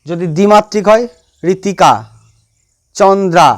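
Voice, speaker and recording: A man teaches a science lesson in a high voice, repeating each point and firing questions at his students. Crickets and insects chirp faintly behind him. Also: fairly even intonation, measured pace. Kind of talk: classroom lecture.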